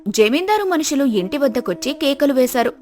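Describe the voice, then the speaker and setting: A woman narrating a cartoon story in a steady storytelling manner. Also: high-pitched, a little fast.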